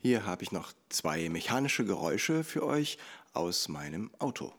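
A man teaching music in a relaxed lesson. He explains rhythm calmly, counts the beats out loud, and drops to a whisper on the light beats. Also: low-pitched, a little slow, husky. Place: recorded at home and outdoors on location.

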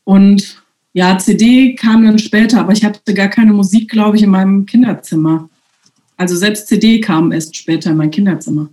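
A woman guest from Germany, speaking in a relaxed, hesitant way with many fillers in a casual conversation. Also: medium pitch, moderate pace.

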